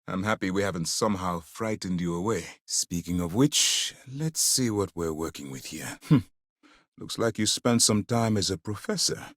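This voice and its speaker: In this scripted game dialogue, the same stern commander sounds measured and authoritative, his low voice animated and ranging from restraint to force. His phrasing is formal and commanding, captured in a close recording with no room sound.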